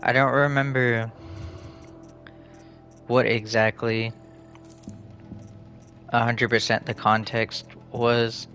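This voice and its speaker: A man's voice: mid-range voice, little pitch movement, takes it slowly, pauses often, fairly bright tone, soft background music. A man streaming a video game, chatting casually in a rambling, profane, joking way. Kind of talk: casual chat while gaming.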